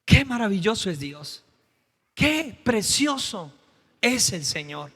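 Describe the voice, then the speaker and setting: A Colombian man preaching a dramatic sermon in a church, acting out Bible scenes and swinging from soft, low passages to loud, high exclamations. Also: sing-song, slow pace, a little hiss or hum. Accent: Colombian Spanish. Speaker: pastor. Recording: long reverb of a church hall.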